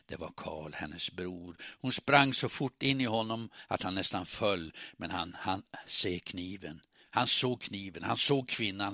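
A man reading an audiobook aloud in steady, measured narration. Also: low-pitched, dry recording, clean studio sound.

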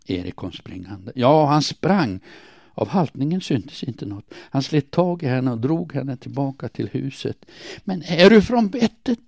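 A man reading a first-person diary aloud in a quiet, measured, somber way. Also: medium pitch, animated, creaky, no echo. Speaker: audiobook narrator.

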